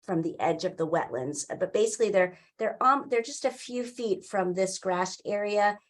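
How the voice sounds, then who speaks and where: An older woman giving an informal, halting explanation as a staffer in a meeting over a video call. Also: medium pitch. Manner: halting, explanatory, with frequent pauses mid-phrase. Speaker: town wetlands staffer running a public meeting. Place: indoor room, on a video call. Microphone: computer mic on a video call.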